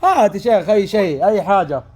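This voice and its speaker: A man with a Saudi Arabic accent in a prank chat, talking much too loudly and repeating short phrases. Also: high-pitched, animated, quick pace, breathy edge.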